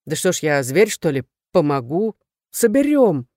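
A reader voicing a brash, loyal young woman friend who scolds loudly. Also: sits low, sing-song, a little slow, dry recording, clean studio sound. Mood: fierce.

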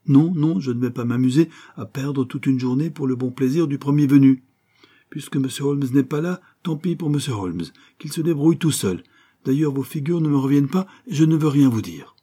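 A man's voice: medium pitch, a little fast, mellow, slightly rough, pitched above the performer's own voice, lightly acted. A man voicing a stubborn, wheezing old male sailor in an audiobook reading. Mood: grumpy stubborn. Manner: grumbling, obstinate.

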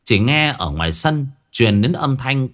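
A man's voice: medium pitch, big pitch swings, a little slow, fairly bright tone. A man narrating a comic folk tale in an earthy, colloquial way. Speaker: storyteller.

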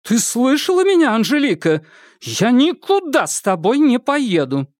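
A man doing a young woman hoarse with rage. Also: extremely high pitch, wildly swooping pitch, unhurried, no room sound, clean studio sound, pitched above the performer's own voice, exaggerated voice. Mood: furious. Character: furious young woman breaking free. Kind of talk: audiobook character voice.

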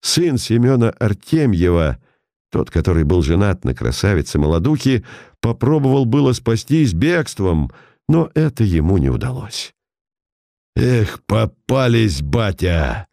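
A man reading a story aloud as narrator, in measured, scripted audiobook style. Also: lowish voice, very animated, gravelly, warm tone, no echo, clean studio sound.

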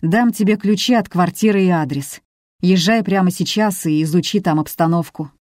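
Here is a distraught grown son who confesses in a hesitant, apologetic way, read by a woman. The voice sits low and dark. It is recorded dry and close, like a studio audiobook. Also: normal speed, dry recording, natural voice. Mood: crushed, confiding.

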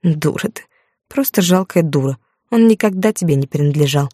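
A woman's voice: low voice, animated, moderate pace, dark tone, husky, dry recording, clean studio sound. A woman reading an audiobook, voicing a smug young woman who speaks in a mocking, scornful tone.

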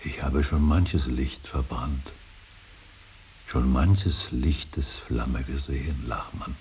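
In a solemn German radio drama, an older father with an extremely deep, darkish, exaggerated voice broods over his grief in a monologue. His mood is hushed and musing as he declaims very slowly and haltingly, weighing each phrase and often sinking into a breathy whisper. The radio recording is hissy and faintly noisy.

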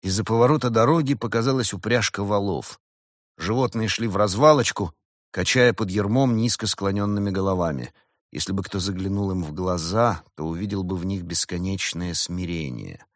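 A man narrating an audiobook in an expressive storytelling manner. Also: deep voice, normal speed, no room sound, clean studio sound. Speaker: audiobook reader.

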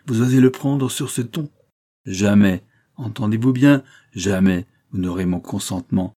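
A man's voice: fairly low pitch, lively intonation, moderate pace, a little mellow, slightly rough. A man voicing a choleric old male aristocrat who sputters with rage. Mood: furious.

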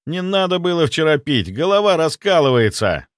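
A man's voice: medium pitch, sing-song, moderate pace, dry recording, clean studio sound, pitched above the performer's own voice. A man voicing a hungover young male student who whines and complains. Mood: complaining.

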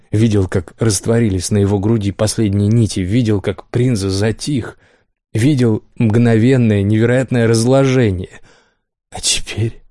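Male audiobook narrator, deep-ish warm tone, dry booth sound, steady dramatic delivery. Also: dry recording. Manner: measured dramatic reading. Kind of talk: scripted narration.

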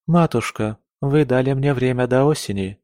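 A man voicing a calm, indifferent young noblewoman who speaks coolly and evenly. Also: medium pitch, normal speed, no room sound, clean studio sound, natural voice. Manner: cool and indifferent.

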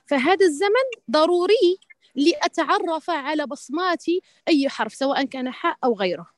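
A woman's voice: sits high, expressive, brisk, no room sound, clean studio sound. A woman teaching Quran recitation in an online lesson, speaking hesitantly with many restarts and pious interjections. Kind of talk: online tajweed lesson answering questions.

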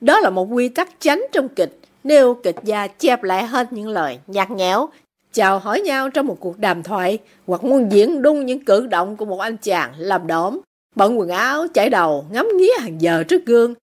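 Expressive woman literary narrator. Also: mid-range voice. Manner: measured, explanatory. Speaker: radio host. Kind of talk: literary reading and commentary.

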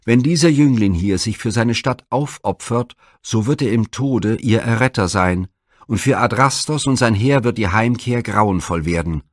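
A man's voice: fairly low pitch, moderate pace, dry recording, clean studio sound, natural voice. A man reading the part of a stern old blind seer in a myth storybook, speaking in grave, solemn pronouncements.

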